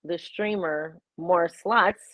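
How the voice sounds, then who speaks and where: A woman's voice: on the low side, slow, a bit bright, no echo. A woman from the San Francisco Bay Area, a guest streamer talking in a casual, earnest and caring way. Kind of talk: casual chat.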